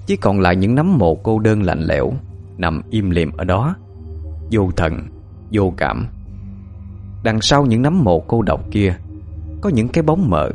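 A man narrating a horror story in a dramatic, expressive way. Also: fairly low pitch, measured pace, long pauses, soft background music.

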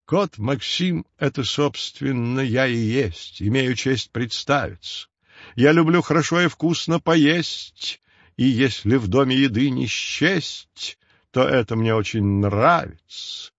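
A man's voice: fairly high pitch, sing-song, slow pace, no room sound, dull audio, full character voice. A man voicing a ginger mustached tomcat who tells stories, talking solemnly and sighing over his troubles.

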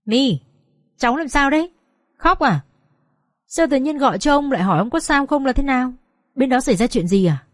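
A woman's voice: high voice, lively intonation, brisk, long pauses, no room sound, clean studio sound, pitched above the performer's own voice. A woman voicing a frightened old grandfather who stammers urgently under panic, in a storybook reading. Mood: worried.

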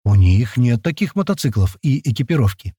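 A man's voice: mid-range voice, sing-song, fairly quick, dark tone, slightly rough, dry recording, clean studio sound. A man reading an audiobook, voicing a blunt, curt male outsider. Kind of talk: audiobook character voice.

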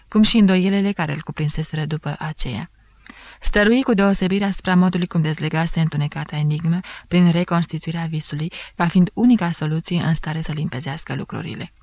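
A woman narrating a novel aloud in a measured, even reading. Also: deep voice, gravelly, no room sound. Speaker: audiobook narrator. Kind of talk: scripted literary narration.

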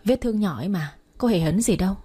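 In this storybook reading, a feisty young woman running a noodle stall talks back in a raised, sharp voice, husky and mellow underneath, as the narrator puts her on. She is quick to protest and slow to back down. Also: lively intonation. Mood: flustered. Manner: defiant, shrill protests.

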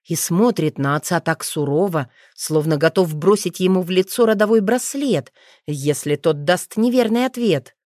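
A woman narrating a fantasy audiobook in an even, measured storytelling manner. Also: lowish voice, no echo, studio quality.

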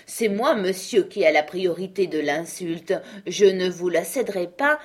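Woman reading ironic mocking uncle, emphatic, low husky voice, storybook reading. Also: lively intonation, a little slow. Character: witty, mocking uncle who fights a duel.

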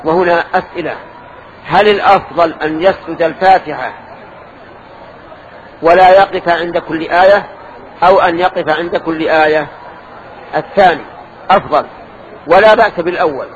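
A man's voice: on the high side, normal speed, pauses often. An older man giving a religious lesson in a mosque, quizzing and correcting his students as he explains. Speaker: religious teacher. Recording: dull lo-fi lesson recording with faint noise.

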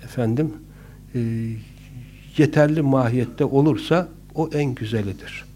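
A man's voice: medium pitch, unhurried, warm tone, a little hiss or hum. A man giving a casual, instructive talk on public speaking, conversational and joking, with frequent hesitant fillers. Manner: conversational, with humorous asides and many hesitant fillers.

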